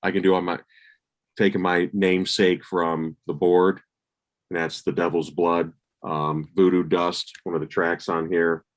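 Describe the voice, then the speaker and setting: Brief: male podcast co-host, very deep voice, laid-back anecdotal storyteller with casual cursing. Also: level tone, measured pace. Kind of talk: casual chat.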